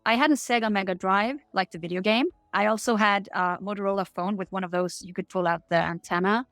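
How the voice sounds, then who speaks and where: A woman's voice: mid-range voice, steady tone, brisk, fairly bright tone, dry recording, faint music behind. A middle-aged woman from Norway with a Norwegian accent, answering interview questions in a candid, upbeat way over a remote call. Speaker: guest.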